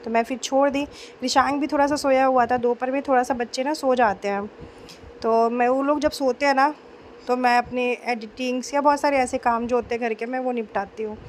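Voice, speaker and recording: A young woman with a sore throat narrating a home vlog in a chatty, homely voice-over, speaking gently. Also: high-pitched, fairly even intonation, brisk, a little hiss or hum. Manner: chatty, homely, mixes in English words. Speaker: vlogger.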